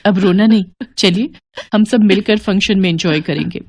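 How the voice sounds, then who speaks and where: A woman voicing a kind, respectful young daughter-in-law in a cartoon story, speaking gently and earnestly. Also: mid-range voice, normal speed, no echo, lightly acted. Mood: gentle.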